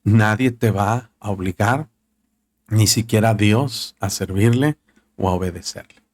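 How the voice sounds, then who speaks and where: A man's voice: on the low side, a little slow, a little mellow. A male pastor preaching a sermon in a conversational style, with rhetorical questions and asides to the congregation.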